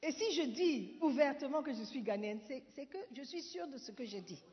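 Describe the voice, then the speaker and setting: A woman from Ghana preaching a sermon, putting questions to the congregation, moving between French and English and rising at times to shouting. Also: sits high, expressive, brisk. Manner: rises to shouting declarations. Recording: dull echoey hall sound.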